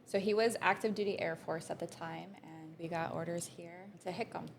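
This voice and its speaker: A woman's voice: on the low side, steady tone, creaky, slight background noise. A young woman from Canada, a realtor being interviewed on a podcast, talking earnestly and conversationally. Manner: earnest, conversational, quick short agreements. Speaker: realtor guest.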